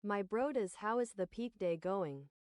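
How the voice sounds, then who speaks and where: A woman's voice: mid-range voice, animated, a little slow, darkish tone, no echo. A woman hosting a livestream, chatting casually and greeting viewers in short remarks. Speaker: livestream host.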